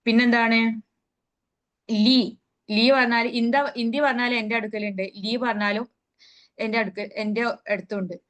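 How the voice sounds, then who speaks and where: A woman's voice: on the high side, flat delivery, a bit bright. Woman teaching an online grammar class. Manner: asks students questions and answers them herself; recites Arabic words slowly. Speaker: Arabic teacher.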